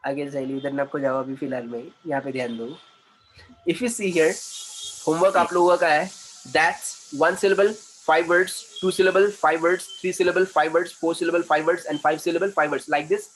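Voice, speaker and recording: A trainer with an Indian accent, teaching English over a video call, who slips between Hindi and English as he drills syllables. He talks slowly, and his voice sits a bit high for a man. There is faint noise behind him. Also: fairly even intonation, rough recording. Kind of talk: online class lecture.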